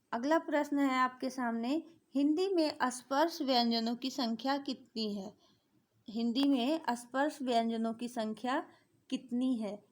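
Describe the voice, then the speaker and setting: A woman teaching an exam-prep grammar lesson, asking questions and answering them herself, repeating key points. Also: a little high. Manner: repetitive, asks and answers her own questions.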